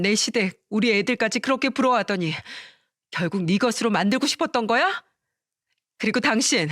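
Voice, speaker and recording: Dramatized story: woman as an enraged betrayed wife, bitter and shouting, dry studio sound. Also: no echo. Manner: shouting accusations, shrill and bitter. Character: betrayed wife, furious and sobbing.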